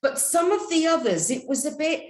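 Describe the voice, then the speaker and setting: A woman's voice: high voice, animated, moderate pace, echoey room. A woman hosting a video-call interview, chatty and effusive, from her home. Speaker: interview host.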